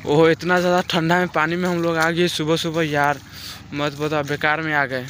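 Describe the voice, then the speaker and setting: A young man vlogs casually as he walks through a foggy village field, chatting to a phone camera held at arm's length. His voice sits on the high side and is a bit bright, with a level tone and moderate pace. There is slight background noise.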